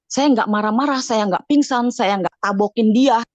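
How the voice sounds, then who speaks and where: A woman's voice: fairly high pitch, moderate pace, darkish tone, dry recording, highs cut off. A middle-aged woman giving a casual spoken testimony at a prayer meeting, chatty, with many fillers and restarts. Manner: chatty, frequent fillers and self-corrections. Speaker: church member giving a testimony.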